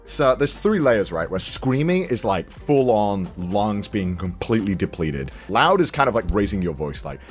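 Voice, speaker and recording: A man coaching a friend in voice acting, coaxing and animated, with plenty of swearing. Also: on the low side, moderate pace, hardly any pauses, faint music behind. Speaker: voice acting teacher. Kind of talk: casual coaching.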